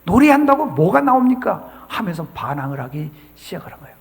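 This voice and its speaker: A man's voice: sits high, gravelly, darkish tone. A male pastor preaching a sermon, telling a story with dramatic flair and acting out the characters' lines, recorded in a church sanctuary. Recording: church hall reverb.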